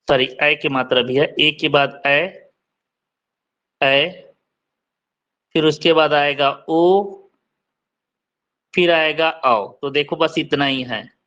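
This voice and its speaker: A man teaching Hindi grammar in an online class, slowly drilling letter sounds and quizzing his students. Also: a little high, fairly bright tone, smooth, lo-fi sound.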